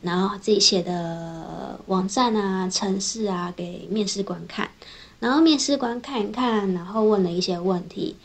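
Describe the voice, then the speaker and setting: A young woman engineer, telling her own workplace stories in a casual, chatty vlog, linking her thoughts with a steady run of "and then". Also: medium pitch, unhurried. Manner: chatty, strings thoughts together with frequent "then". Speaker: software engineer. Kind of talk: casual personal vlog storytelling.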